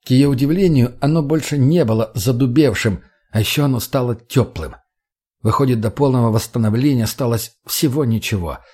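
A man's voice: medium pitch, fairly quick, dark tone, husky. Man narrating an audiobook. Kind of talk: scripted narration.

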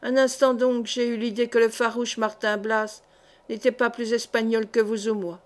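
A woman reading the part of a cunning, sneering middle-aged male seneschal in an audiobook, in a measured, calculating way. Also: fairly high pitch, little pitch movement, close to an everyday voice. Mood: musing. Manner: sly, sneering.

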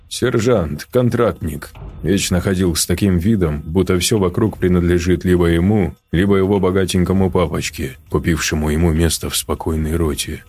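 A man reads a story aloud in a steady, measured narration. His voice sits very low and sounds husky. Faint music plays softly underneath. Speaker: audiobook narrator. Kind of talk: scripted narration.

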